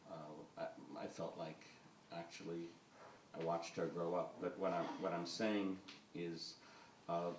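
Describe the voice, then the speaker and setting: An unhurried man with a low voice and level tone speaks as a film director on a panel in an event hall with an audience. His talk is rambling and hesitant, thick with uhs and ums. He's recorded from a distance in the roomy hall, against a noisy background.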